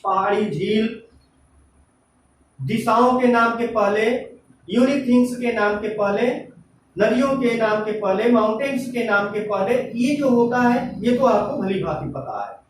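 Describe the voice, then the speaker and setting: A man's voice: high-pitched, unhurried. A man teaching an English grammar lesson, explaining step by step and asking himself questions, then answering them. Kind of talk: classroom-style grammar lesson. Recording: echoey room, voice from a distance, faint noise.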